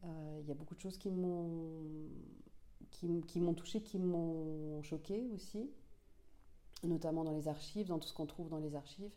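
Low-voiced thoughtful woman author. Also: fairly even intonation, measured pace, warm tone. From Finland, raised in Senegal. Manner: thoughtful, many hesitations and restarts. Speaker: author being interviewed. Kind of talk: reflective interview answers.

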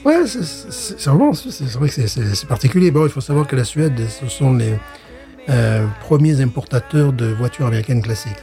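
A man's voice: mid-range voice, fairly quick, gravelly, faint music behind. A middle-aged man co-hosting a podcast in casual chat, stammering and repeating words as he tells stories with laughs. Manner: animated storyteller, laughs while telling. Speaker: podcast co-host.

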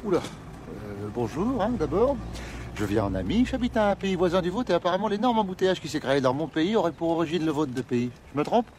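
An actor playing a placating French customs officer. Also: male voice, on the high side, expressive, a little fast, a little mellow, a little hiss or hum, close to an everyday voice. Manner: placating, wheedling, jokey. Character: nervous conciliatory French customs officer man. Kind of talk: film dialogue.

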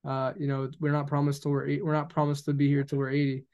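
A man's voice: fairly high pitch, monotone, fast, a little mellow. A man of twenty-one, a podcast guest talking earnestly about faith in a casual conversation and slipping into preachy stretches. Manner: earnest and preachy, acts out mock dialogues.

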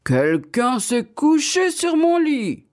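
A woman's voice: high voice, very animated, slow, darkish tone, voice pushed up, exaggerated voice. A woman reading a big papa bear. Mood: grumbling. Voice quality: meant as a big voice.

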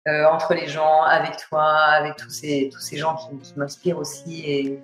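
A woman's voice: low-pitched, monotone, normal speed, a bit bright, echoey room, faint music behind. A woman from France, an author, speaking as a guest in a casual interview from home and talking in a reflective way with many hesitations. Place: at home during lockdown.

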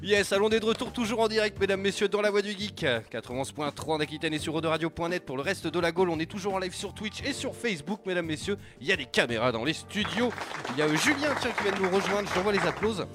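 Slangy joking radio host guy in a studio, bit high voice, studio mic. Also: quick pace, few pauses, music in the background. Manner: excitable, joking, slangy and swearing. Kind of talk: live radio show chat.

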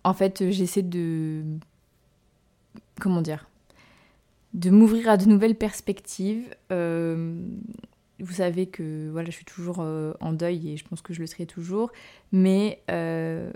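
A woman's voice: lowish voice, steady tone, slow pace, warm tone. A woman hosting her own podcast as a novelist, chatting casually and hesitantly with lots of fillers and self-mocking laughs. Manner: hesitant, full of "euh" fillers and restarts. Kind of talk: casual solo podcast chat.

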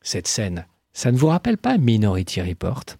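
A man giving enthusiastic film commentary, animated and full of exclamations and quick asides. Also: fairly low pitch.

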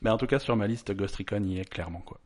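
A young adult man with a lowish voice talks fast over a loud crowd. He co-hosts a casual gaming podcast and presents the news, rambling, restarting sentences, and tossing in joking asides.

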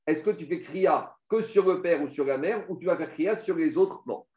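Reading Aramaic passages aloud, a man with a fairly high, darkish voice explains them step by step at normal speed in a Talmud class. He poses his own questions and answers them. The audio is dull and echoes around the room.

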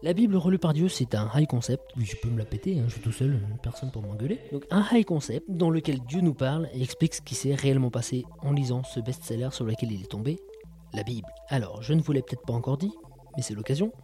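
A man hosting a podcast, reviewing audio shows with a mellow, relaxed voice. He talks casually and sardonically, full of quips. Faint music plays behind him. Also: medium pitch, quick pace. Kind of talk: casual chat.

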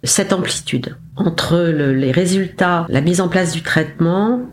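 A woman, a podcast guest, recounting her experience in a casual, animated way, acting out her own lines with self-mocking humour. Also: fairly low pitch, a little slow. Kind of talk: casual storytelling interview.

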